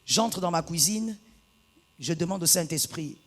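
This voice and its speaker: A woman pastor preaching a sermon, moving from hushed tones to loud bursts. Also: lowish voice, measured pace. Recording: long reverb of a large hall.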